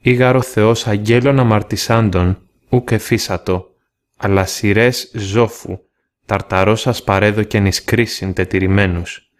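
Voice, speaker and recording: A man reading scripture aloud in a steady, measured way, pausing phrase by phrase. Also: lowish voice. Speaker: scripture reader.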